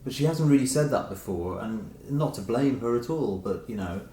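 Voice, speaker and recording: In this interview, a middle-aged male author talks with a warm, animated voice at medium pitch and a normal pace. He muses tentatively, reworking his ideas mid-thought, while a roomy echo and noticeable background noise fill the recording.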